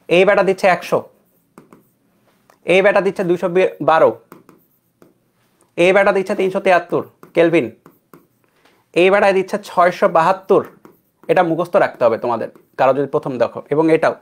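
A young man from Bangladesh teaching an online physics class, talking casually and checking in with his students. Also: high voice. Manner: conversational, checks in with students often.

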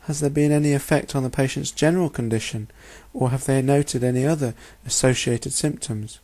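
Man, medium-pitched voice, medical lecturer, methodical, instructional, slide narration. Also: a little fast, mellow. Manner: clear, methodical, instructional, posing rhetorical questions.

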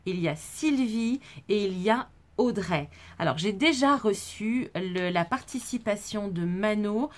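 A woman's voice: mid-range voice, expressive, unhurried. A woman presenting a craft haul in a chatty, casual way, with many hesitations and fillers. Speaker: crafting vlogger.

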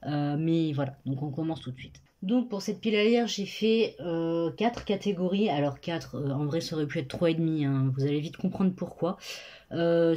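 A woman's voice: fairly low pitch, a little mellow, lo-fi sound. A young woman vlogging casually about books from her bedroom, chatty and full of hesitations. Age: young adult. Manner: chatty, lots of hesitations and self-corrections. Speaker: book vlogger. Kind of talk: casual chat. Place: bedroom at her parents' home. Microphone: phone camera.

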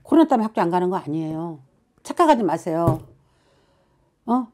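A woman's voice: on the low side, big pitch swings, fairly quick. A woman fortune teller giving blunt counsel, scolding and prodding her client with constant questions. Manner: forceful, scolding, keeps prodding with "어?".

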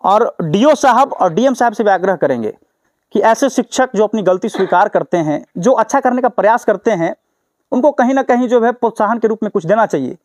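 A man reporting on the spot from a village school, pressing a teacher with pointed questions. His voice sits high and the words pour out fast. The sound is dry and close. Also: expressive, darkish tone, no echo. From Bihar. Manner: confronting and lecturing. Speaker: reporter and host. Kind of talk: on-the-spot news interview.

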